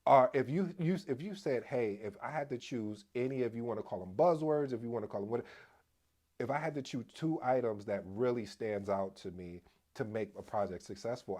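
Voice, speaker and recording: A man hosting a casual explainer video on project management, addressing viewers as family, energetic and prone to restarts. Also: on the low side. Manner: restarts and repeats himself as he talks. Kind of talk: casual explainer talk to camera.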